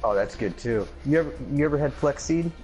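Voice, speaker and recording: A man's voice: medium pitch, lively intonation, brisk, darkish tone, soft background music. A man co-hosting a gaming channel, chatting casually and rambling with restarts and easy laughs. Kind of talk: casual chat. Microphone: headset or desk mic.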